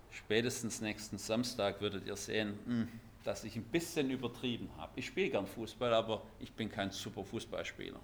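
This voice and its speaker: Lively preacher man. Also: fairly low pitch, fairly quick, a little hiss or hum. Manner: lively, emphatic, shifts between loud stresses and quiet asides. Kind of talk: sermon.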